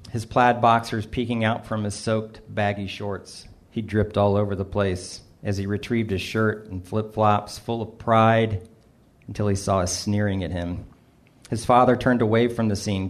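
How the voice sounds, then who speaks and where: A middle-aged man with a slightly low voice reads his personal essay, telling a funny first-person story about himself. His delivery is flat, dry and wry, at a moderate pace, and he mocks himself with small laughs along the way.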